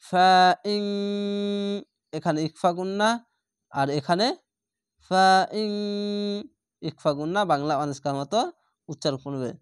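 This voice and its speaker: A man teaching Quran reading, spelling out each syllable and then chanting the words slowly with long drawn-out vowels. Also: a little high, clean tone, dry recording, studio quality. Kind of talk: slow spelled-out recitation lesson.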